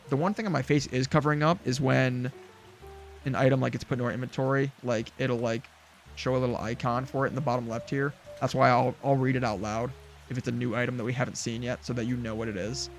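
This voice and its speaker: A man chatting casually as he streams a farming game, mid-pitched and easygoing. He rambles with fillers and restarts, and faint music plays behind him. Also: fairly even intonation, brisk. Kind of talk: casual gameplay chat.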